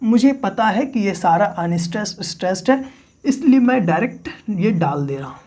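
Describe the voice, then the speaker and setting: A man teaching a literature lesson in a patient lecture manner. He keeps asking his listeners questions and then answering them himself. He says each key term slowly, twice, so it can be written down. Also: sits high, lively intonation, a little mellow. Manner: repeats key terms slowly for dictation. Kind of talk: classroom-style lecture.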